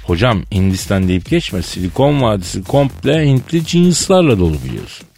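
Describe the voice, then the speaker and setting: A man's voice: fairly low pitch, sing-song, normal speed, creaky, a little mellow, faint music behind. A man hosting a comic radio show, bantering and acting out a mock phone call.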